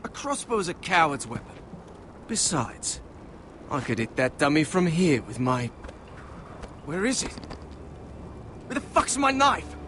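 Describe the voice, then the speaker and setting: A man's voice: on the high side, big pitch swings, a little slow, long pauses, a bit bright, a little hiss or hum. A man playing a hot-tempered, foul-mouthed bully of a recruit in a video game, taunting and aggressive.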